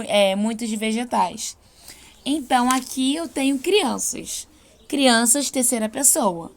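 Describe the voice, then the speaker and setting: Brazilian lady english teacher, fairly high voice, patient, slows way down for examples. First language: Portuguese. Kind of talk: online class lesson.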